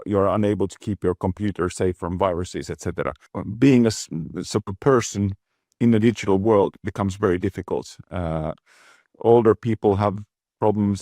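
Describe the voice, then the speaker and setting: Male exec guest, deep voice, deliberate and halting delivery, dry sound. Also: a little mellow, no echo. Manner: measured, thoughtful, frequent restarts and repeated words. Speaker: guest executive. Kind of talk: business interview.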